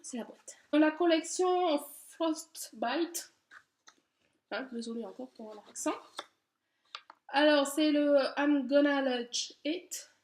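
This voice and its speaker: A woman's voice: sits high, slow, pauses often, darkish tone, echoey room, a little hiss or hum. A woman vlogger chatting enthusiastically and gushingly as she shows off a haul of products. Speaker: beauty vlogger. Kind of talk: casual product haul chat.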